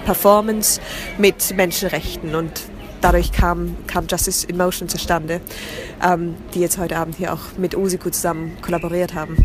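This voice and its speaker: Over music, a woman with a lowish voice and flat delivery talks at a normal pace as a guest in a relaxed interview. She founded a theatre company, comes from southern Germany, and keeps hunting for words, restarting and switching into English.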